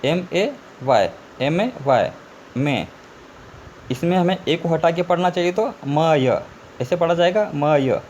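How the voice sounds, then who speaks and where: A man's voice: on the high side, very animated, slow pace, darkish tone. A male teacher giving a spelling lesson, spelling words out letter by letter and repeating them. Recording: faint background noise.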